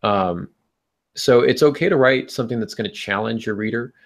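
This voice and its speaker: A man co-hosting a podcast gives conversational advice, informal and emphatic, often interrupting himself. His voice is gravelly, medium in pitch, at a normal speed.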